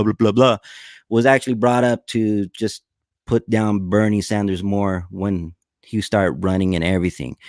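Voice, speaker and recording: A man's voice: fairly low pitch, darkish tone, dry recording, clean studio sound. A man, live streaming a blunt, profane, unscripted rant full of restarts. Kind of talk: casual unscripted livestream rant.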